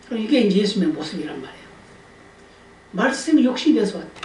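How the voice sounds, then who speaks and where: A woman's voice: mid-range voice, sing-song, fast talker, darkish tone. A woman pastor preaching a Sunday sermon who quizzes the congregation and calls for amens. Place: church sanctuary. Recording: echoey church hall, distant mic, faint hiss.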